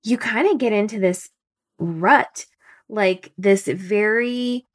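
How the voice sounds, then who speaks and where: A woman in her thirties hosting a solo podcast from home early in the morning, her voice a bit raspy, chatty and thinking out loud with fillers. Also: medium pitch, slow pace. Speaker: podcast host. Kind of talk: casual solo podcast talk.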